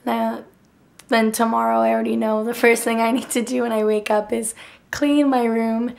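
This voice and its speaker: A young adult woman with a nearly lost, raspy whispery voice and dry throat, chatting casually to a handheld camera in a bedroom. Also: on the high side, flat delivery, normal speed, a little mellow. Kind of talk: casual vlog chat. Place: bedroom, indoors. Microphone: handheld camera at arm's length.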